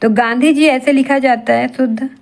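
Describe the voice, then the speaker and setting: High-voiced woman drilling a lesson. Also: normal speed, creaky. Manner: steady repetitive drilling, asks and answers her own questions. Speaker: teacher. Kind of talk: exam-prep grammar lesson.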